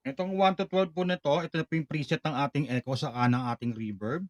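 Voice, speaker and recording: A man's voice: a little high, no echo. Polite man explaining gear step by step. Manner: polite and explanatory, with frequent filler pauses. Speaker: product demonstrator. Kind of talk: product walkthrough tutorial.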